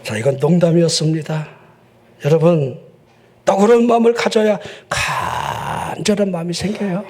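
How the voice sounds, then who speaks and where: A man pastor with a Chungcheong accent preaching a sermon in a church, joking with the congregation and breaking into shouts. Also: on the high side, moderate pace. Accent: Chungcheong Korean. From Chungcheong, South Korea. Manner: joking, animated, bursts into shouting. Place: church sanctuary.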